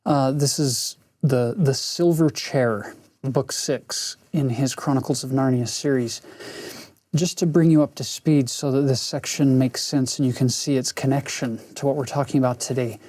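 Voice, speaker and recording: A man teaching a lesson, explaining a story with halting restarts before reading from it. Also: medium pitch, fairly even intonation, a little mellow, no echo, clean studio sound. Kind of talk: scripture-class lesson, reading aloud.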